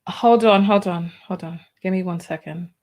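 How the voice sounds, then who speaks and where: A woman's voice: on the low side, normal speed, a little mellow. A woman hosting a live call-in show in a casual, chatty style.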